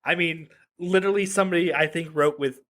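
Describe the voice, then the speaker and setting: A man in his thirties from Reno, Nevada, a web developer appearing as a podcast guest, chats casually in an interview, cracking jokes and restarting sentences amid plenty of "like" fillers. His voice sits on the high side, a little fast and a bit bright.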